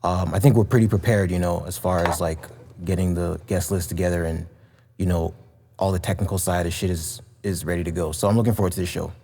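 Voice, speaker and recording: A low-pitched man with a mellow, dark tone rambles easily through casual podcast chat. He is from Canada, loose and unhurried with many fillers. His voice trails into a long reverb. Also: fairly even intonation, slightly rough. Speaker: podcast co-host and studio owner.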